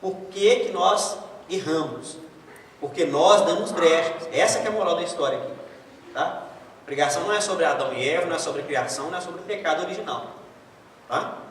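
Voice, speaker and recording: A man's voice: fairly high pitch, a little fast. A man with a Brazilian Portuguese accent preaching a casual sermon, joking and acting out the voices of people he quotes. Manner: jokey, conversational, acts out quoted voices. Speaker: pastor. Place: church hall. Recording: echoey church hall, far-off mic, faint noise.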